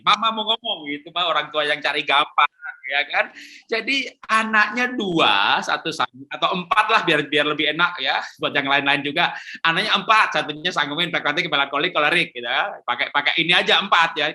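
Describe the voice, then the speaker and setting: A middle-aged man pastor answering questions on raising children in a lively storytelling manner, acting out quoted lines. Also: fairly high pitch.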